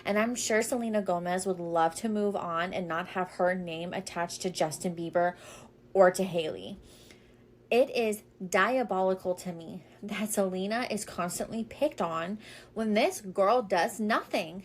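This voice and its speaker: A woman's voice: mid-range voice, a little hiss or hum. A woman giving casual opinion commentary in a catty, scolding and emphatic way.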